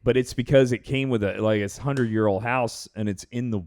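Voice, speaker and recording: A man's voice: medium pitch, steady tone, a little fast, darkish tone. A man co-hosting a casual podcast, laid-back and swearing casually. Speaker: podcast co-host. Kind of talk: casual chat.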